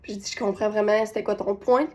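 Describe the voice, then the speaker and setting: A woman's voice: mid-range voice, fairly even intonation, fast, dark tone. A woman with a Québécois accent telling a personal parenting story, retelling scenes with quoted voices. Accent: Québécois French. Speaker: parenting coach.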